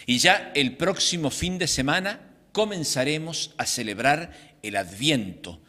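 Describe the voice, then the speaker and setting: Slow, bright-voiced priest in his sixties. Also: on the high side, lively intonation. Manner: slow, deliberate liturgical delivery. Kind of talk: reading the Gospel and preaching at Mass. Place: small chapel, indoors. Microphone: microphone on a stand in front of him. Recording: reverberant chapel sound.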